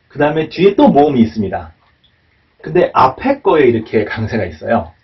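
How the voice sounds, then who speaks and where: A man teaching English pronunciation at a whiteboard, talking hesitantly with many fillers and tag questions. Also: mid-range voice. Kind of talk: whiteboard lecture. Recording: dull, distant mic.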